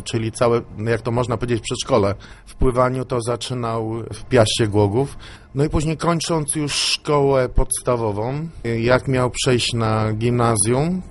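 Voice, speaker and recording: Middle-aged man, mid-pitched, rambling storyteller, casual interview. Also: a little hiss or hum. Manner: rambling storyteller, repeats "mówi" often. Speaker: father of a swimmer, interviewee.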